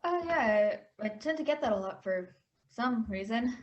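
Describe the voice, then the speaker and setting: A woman's voice: fairly high pitch, animated, normal speed, lo-fi sound, natural voice. A woman playing a sweet, dim boyfriend. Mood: polite. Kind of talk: amateur comedy sketch acting.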